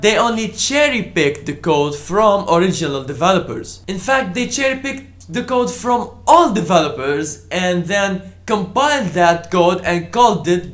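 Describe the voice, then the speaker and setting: A man's voice: a little high, fairly bright tone. A man giving a scripted tech explainer vlog from a home balcony, with dry sarcastic humor and punchy emphasis. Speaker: tech vlogger.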